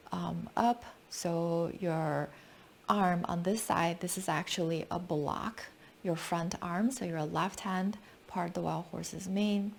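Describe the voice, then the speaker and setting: A woman teaching tai chi step by step with calm, gentle, unhurried cues. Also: fairly low pitch, vocal fry, a little hiss or hum. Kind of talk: step-by-step movement instruction.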